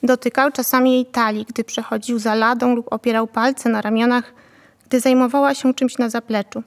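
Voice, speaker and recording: A woman narrating a novel in a calm, even storytelling manner. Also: fairly high pitch, moderate pace, big-room sound. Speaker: audiobook narrator.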